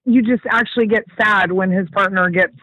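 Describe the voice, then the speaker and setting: A woman's voice: medium pitch, fairly even intonation, moderate pace, pushed and bright, dry recording. A woman guest on a podcast, chatting casually about a film and thinking aloud, with easy laughs. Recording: dull lo-fi sound.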